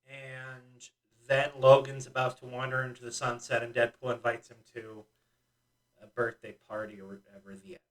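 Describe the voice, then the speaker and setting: Bright-voiced man, off-mic, chatty. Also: medium pitch, flat delivery, normal speed, recorded from a distance, poor audio. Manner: chatty, recapping with frequent ums and laughs. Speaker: podcast co-host. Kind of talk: casual chat.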